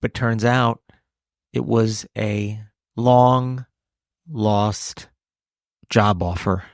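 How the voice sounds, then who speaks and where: A man hosting a podcast, telling funny stories in a playful, animated way. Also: lowish voice, very slow, no echo, studio quality. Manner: playful, animated storytelling with laughs. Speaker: podcast host. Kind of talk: casual comedic chat.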